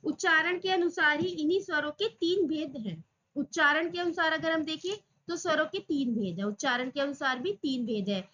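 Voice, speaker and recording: A woman with a high, bright voice teaches an exam-prep class. She poses questions and answers them herself, stretching out the example sounds. The recording is slightly dull and lo-fi. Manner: drawls example sounds slowly.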